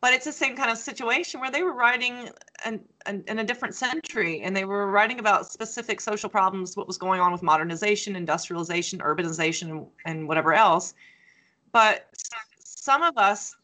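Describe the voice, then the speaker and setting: A woman hosting an academic interview, a sociology teacher who talks with enthusiasm and animated asides. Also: medium pitch, fairly quick. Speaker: podcast host, sociology teacher.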